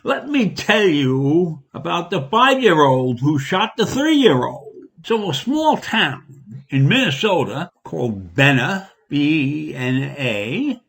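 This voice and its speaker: Man, husky voice, slightly high pitch, indignant, opinion monologue. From United States. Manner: indignant, rising pitch on emphasis. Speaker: commentator.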